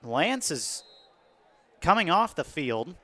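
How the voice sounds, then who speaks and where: Casting: male American football announcer, forceful bright tone, higher-set voice, live commentary. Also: very animated, slow pace.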